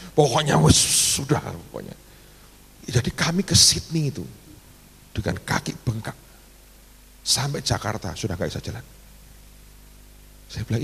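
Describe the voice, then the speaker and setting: Telling a story in his sermon, a middle-aged pastor speaks with animation and calls his listeners "saudara." His voice is lowish and slightly rough, echoing in a large hall.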